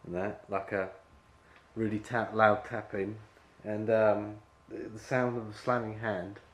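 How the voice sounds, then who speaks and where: A man's voice: lowish voice, flat delivery, a little slow. A man directing an actor at an audition, rambling and full of fillers as he explains the scene. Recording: echoey room with faint ambience.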